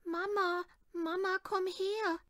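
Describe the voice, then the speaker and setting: A woman's voice: extremely high pitch, fairly even intonation, unhurried, no echo, clean studio sound, pitched above the performer's own voice. A woman voicing a frightened little girl lost in the snow, tearful and pleading. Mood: crying out.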